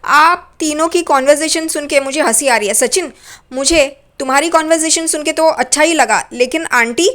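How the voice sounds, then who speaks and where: A woman's voice: high voice, normal speed, fairly bright tone. A woman reading a playful, teasing young woman. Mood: amused.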